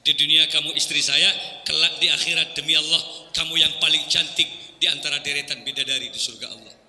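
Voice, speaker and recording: A tender husband, gently persuading his sleepy wife to get up, as a male preacher acts him out. His voice sits fairly high and bright. It echoes through a big hall. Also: fairly even intonation, a little fast. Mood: coaxing.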